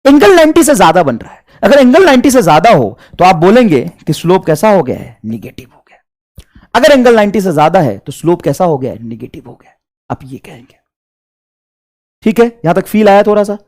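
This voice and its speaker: A man's voice: sits high, sing-song, brisk, darkish tone. A man teaching a math lesson, repeating each point over and over and calling his students children. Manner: repetitive, drills points over and over; addresses students fondly as children. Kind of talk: classroom lesson.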